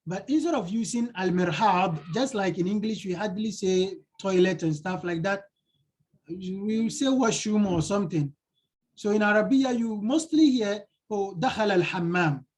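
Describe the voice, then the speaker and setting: A male Arabic teacher explains a textbook lesson, translating it line by line and repeating key phrases. His voice sits high and is slightly rough.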